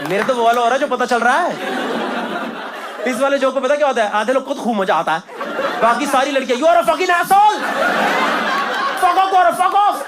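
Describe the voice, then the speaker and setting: A man's voice: sits high, heavy background noise. A man performing stand-up comedy on stage, telling a story conversationally and acting out the other people in it. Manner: conversational, acts out quoted voices. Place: comedy stage before a live audience. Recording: live show, loud audience laughter. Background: crowd laughing.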